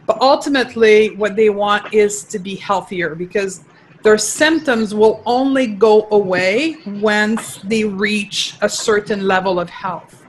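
A woman's voice: medium pitch, measured pace, slight background noise, rough recording. French-Canadian woman guest explaining nutrition. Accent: Quebec French. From Quebec, Canada. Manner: earnest, explaining, frequent restarts. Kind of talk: casual interview talk.

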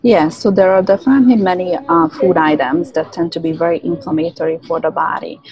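A woman's voice: lowish voice, steady tone, fairly quick, darkish tone, lo-fi sound. A woman in her thirties with a Hungarian accent, a native Hungarian speaker, explaining earnestly and at length as a guest in a podcast interview, with frequent fillers. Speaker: guest, licensed esthetician.

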